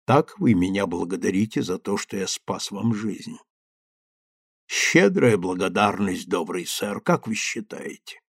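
A man voicing a stern, reproachful middle-aged father in an audiobook, speaking low and bitterly. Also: animated, unhurried, gravelly, no room sound, clean studio sound, heavily acted.

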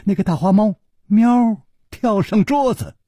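A man's voice: moderate pace, husky, dry recording. A man telling a martial-arts tale in traditional storytelling style, with dramatic delivery into a close mic. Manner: dramatic, highly expressive delivery.

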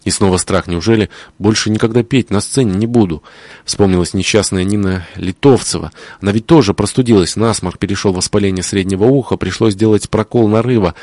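A man reading a diary aloud in the first person, measured and expressive, on a close studio mic. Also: low-pitched, no echo. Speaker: audiobook reader. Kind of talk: scripted narration of a diary.

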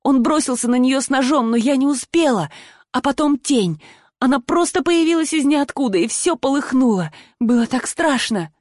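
A shaken young woman spills out her fright in breathless, babbling bursts, as a woman reads her in an audiobook. The voice sits high and loud above the narration. The sound is dry and close. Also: lively intonation, moderate pace, no echo. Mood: panicked.

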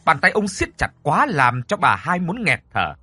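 Expressive male storyteller. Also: fairly high pitch, normal speed, breathy edge, dry recording. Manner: expressive, dramatic. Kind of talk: dramatic horror story narration.

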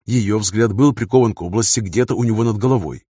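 A man narrating an audiobook in an even storytelling manner. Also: on the low side, fairly quick, slightly rough, no room sound, studio quality. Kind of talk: scripted narration.

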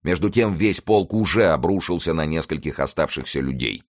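A man reads an adventure audiobook in a steady, dramatic way. His voice sits very low and deep. The reading is scripted and evenly paced. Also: brisk, no room sound, studio quality. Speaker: audiobook narrator. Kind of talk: scripted narration.

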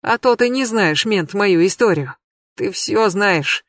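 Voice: mid-range voice, animated, takes it slowly, a bit bright, no echo. An audiobook reader voicing a bitter, cornered middle-aged male criminal who swears crudely and complains. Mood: aggrieved. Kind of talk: audiobook character reading.

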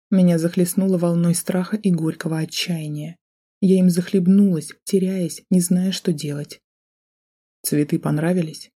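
A woman's voice: lowish voice, warm tone, breathy edge. A woman narrating a novel in the first person, telling it in a tense, emotional way. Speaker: audiobook narrator.

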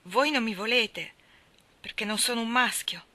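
A woman voicing an excitable, dramatic young orphan girl who gushes in theatrical outbursts in an audiobook reading. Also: on the high side, normal speed. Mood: despairing.

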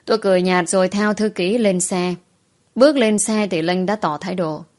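A woman reading a first-person story aloud in a soft, emotive way. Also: mid-range voice, normal speed.

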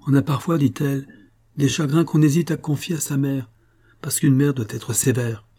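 A man voicing a kind young invalid lady who speaks softly and coaxingly. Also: mid-range voice, fairly even intonation, normal speed, husky, pitched above the performer's own voice. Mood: tender. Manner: soft, coaxing.

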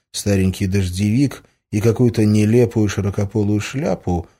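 A man narrating a novel as an audiobook in an expressive storytelling manner. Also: on the low side.

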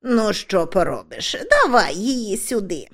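A woman voicing a cheerful, bossy old witch who talks briskly and makes demands. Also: medium pitch, sing-song.

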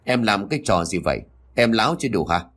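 A man's voice: lowish voice, big pitch swings, quick pace, fairly bright tone. A man voicing a bossy husband. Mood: stern. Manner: stern, curt and commanding. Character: stern husband of the house, bossy.

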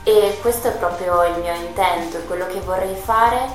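A woman's voice: on the low side, moderate pace. A woman radio host reading a Christmas tale aloud, narrating it expressively and dramatically as a storyteller. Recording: very echoey room with faint music.

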